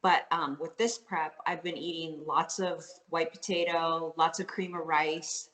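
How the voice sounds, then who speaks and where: A woman's voice: sits low, fairly even intonation, measured pace, fairly bright tone, reverberant. A young woman with a Canadian accent, chatting casually as an interview guest, full of likes and ums. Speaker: guest athlete.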